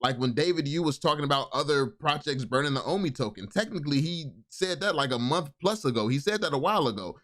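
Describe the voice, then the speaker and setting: A man's voice: a little high, animated, fast, few pauses, fairly bright tone. A man giving casual, enthusiastic video commentary, often repeating and restarting his words. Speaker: crypto YouTube commentator.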